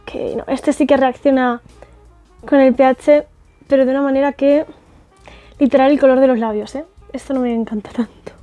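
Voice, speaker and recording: In this casual beauty vlog, a makeup artist tests products on camera, a young Spanish woman with an accent from Spain who talks effusively, peppering her speech with fillers and tag questions. Her high-pitched, warm voice keeps fairly even intonation at a normal pace. Faint music plays behind her.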